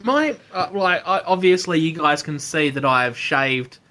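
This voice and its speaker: Bright, higher-pitched Australian man. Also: expressive, normal speed. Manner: joking, repeats himself. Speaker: radio show co-host. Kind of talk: casual chat. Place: his bedroom.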